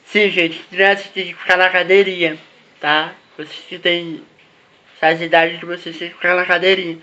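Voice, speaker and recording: This man speaks to camera in a laid-back vlog with advice for parents, saying things more than once and tacking "né?" and "tá?" onto his lines. His high voice barely moves in pitch, runs at normal speed, and sounds pushed and bright. The audio is dull with a little hiss or hum.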